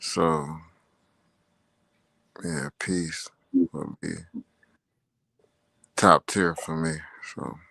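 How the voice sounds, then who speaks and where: A man with a very low, gravelly voice talks casually as a podcast guest. He is unhurried and considered, heard close and dry. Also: fairly even intonation, pushed and bright, dry recording. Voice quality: deep, gravelly. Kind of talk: casual conversation.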